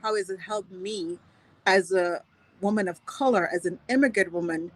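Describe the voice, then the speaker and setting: A woman's voice: medium pitch, moderate pace, slight background noise. A woman, born in Grenada, telling a personal story earnestly and unhurriedly on a video call, with many "you know"s. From Grenada, raised in Trinidad and Tobago. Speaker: guest speaker.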